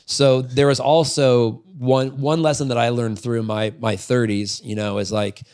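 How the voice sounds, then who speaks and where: This podcast guest, a man in his forties who retired from freestyle motocross and runs a business, speaks unhurriedly in a flat, smooth, darkish medium-pitched voice. His long-form interview storytelling is casual, candid and meandering, full of swearing.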